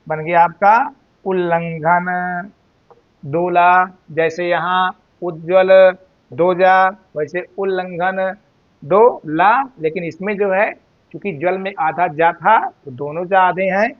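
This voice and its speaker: A man teaching Hindi spelling, repeating each word slowly and calling his students "beta". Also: high-pitched, highs cut off. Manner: slow, drawn-out repetition of words, addresses students as "beta". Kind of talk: spelling and grammar lesson.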